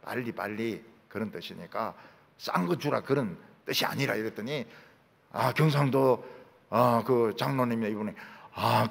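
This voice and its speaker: A man from Busan with a Gyeongsang accent, preaching a sermon and acting out dialect lines in lively storytelling. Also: medium pitch, creaky, breathy edge. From Busan, South Korea. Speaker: pastor. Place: large church sanctuary. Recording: long church hall reverb.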